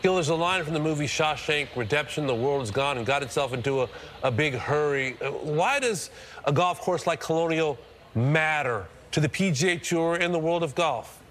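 Guy hosting a golf show, kinda higher voice, asking questions quick, bit of hum. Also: fairly bright tone. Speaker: TV studio host. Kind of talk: interview questions.

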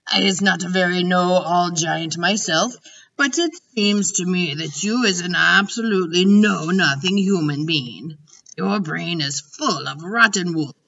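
A woman's voice: fairly low pitch, measured pace, a bit bright. A woman reading aloud as a kindly male giant who mixes up his words and speaks grandly, in a storybook. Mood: scornful. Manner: jumbled grammar, grand and emphatic. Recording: dull distant recording.

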